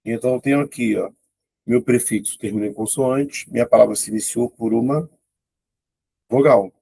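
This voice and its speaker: A man's voice: mid-range voice, normal speed, vocal fry, dark tone, slight background noise. A man teaching an exam-prep grammar lesson, talking informally and thinking aloud as he works through questions. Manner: informal, thinks aloud, exclaims at tricky items. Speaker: Portuguese teacher.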